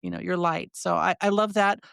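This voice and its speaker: A woman's voice: on the low side, fairly even intonation, a little fast, vocal fry, a bit bright, clear, resonant tone, dry recording, clean studio sound. A woman hosting a podcast, chatting casually with a guest and rambling through heartfelt thoughts with many restarts. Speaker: podcast host. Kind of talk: casual interview chat.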